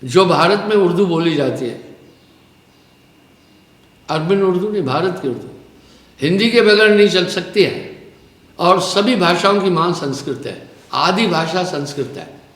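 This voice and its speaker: High-voiced man preaching in echoey hall. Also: expressive, measured pace, pauses often, fairly bright tone. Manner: storytelling, explanatory preaching with spoken asides. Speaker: spiritual teacher. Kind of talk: live satsang discourse. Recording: echoey hall with long reverb.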